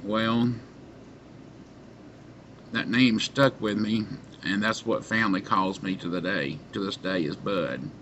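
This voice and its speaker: A middle-aged man chatting casually to camera as a reviewer, halting and pausing often, recorded on a webcam mic in a small room. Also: lowish voice, fairly even intonation, fairly bright tone. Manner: halting, unhurried delivery with long pauses. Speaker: pipe tobacco reviewer. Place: small dim room indoors. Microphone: webcam or computer mic at arm's length. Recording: muffled webcam sound with background noise.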